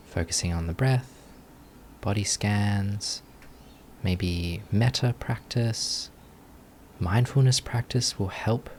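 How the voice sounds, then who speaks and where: A man teaches a guided meditation, giving gentle, unhurried instructions with long pauses between phrases. His voice is low-pitched, and there's a little hiss or hum in the recording.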